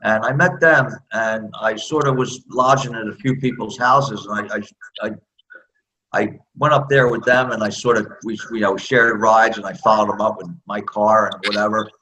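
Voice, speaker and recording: A man's voice: fairly low pitch, steady tone, normal speed, sharp tone, low-quality recording. A man in his sixties with an American accent, a former speedway rider telling candid, self-deprecating stories in a casual interview.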